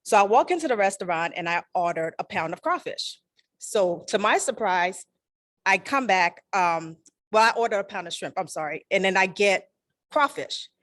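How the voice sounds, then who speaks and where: A woman's voice: mid-range voice, lively intonation, normal speed, a bit bright. A woman from Liberia, a first-time club member, telling a friendly conversational impromptu story.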